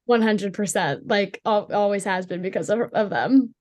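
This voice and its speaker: A young woman from Pittsburgh talks as a guest on a casual podcast. She is bubbly and chatty, with a mid-range pitch, and she scatters "like" through her sentences. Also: normal speed, a little mellow. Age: young adult. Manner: bubbly, chatty, many "like" fillers. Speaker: college hockey player, guest. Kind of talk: casual interview chat.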